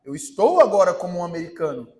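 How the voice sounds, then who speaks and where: A man voicing a naive, eager young man who insists he should be let in, talking in a hurried, pleading way. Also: high voice, sing-song, darkish tone, voice pushed down.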